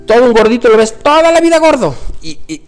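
A man in his fifties with a Mexican Spanish accent, telling his personal story as an interview guest in an emphatic, animated way that acts out quoted dialogue. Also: very high-pitched, quick pace, soft background music. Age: 50s.

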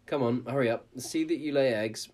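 A man's voice: mid-range voice, moderate pace, darkish tone, pitched above the performer's own voice, lightly acted. A man reading a story aloud and voicing a bossy, self-important hen who scolds and lectures. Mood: scolding. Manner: scolding, preachy.

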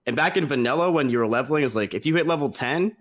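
A man's voice: fairly high pitch, animated, rapid-fire. A man chatting on a casual podcast, telling a story in a rambling, easygoing way.

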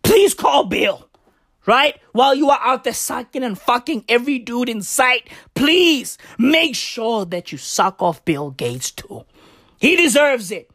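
A woman on a profane comedic rant with frat-bro slang, swinging between shouts and low asides and often checking in with short tag words. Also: very animated, measured pace, dry recording, clean studio sound. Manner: frat-bro slang delivery, repeated "bruv", "right?" and "legit".

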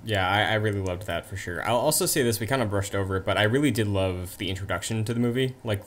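Lowish guy rambling through a movie review, lots of like and um. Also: fast talker, a bit bright, slight background noise. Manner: chatty, trailing asides. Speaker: podcast co-host. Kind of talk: casual movie review chat.

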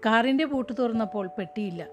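A woman narrating a humorous short story in a steady, wry storytelling manner. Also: fairly high pitch, fast. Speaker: story reader. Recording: music playing behind.

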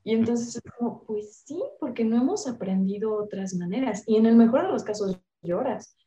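A young Mexican woman talking casually about emotions, animated and acting out the voices she quotes. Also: fairly high pitch, normal speed, reverberant. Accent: Mexican Spanish.

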